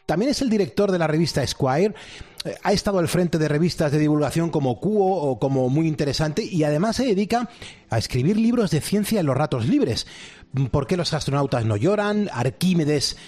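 A man from hosting a late-night radio show, lively and quick to laugh. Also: a little high. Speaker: radio host.

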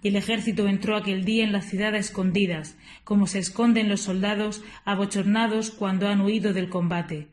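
A woman reading scripture and prayers aloud for a morning liturgy, in a measured, steady way with small slips now and then. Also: medium pitch, a little hiss or hum. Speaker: liturgical reader.

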